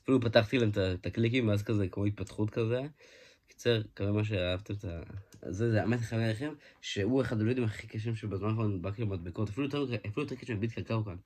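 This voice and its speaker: A man giving a casual hands-on toy review, excitable, exclaiming often and restarting his sentences. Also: lowish voice. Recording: noisy home recording with clicks.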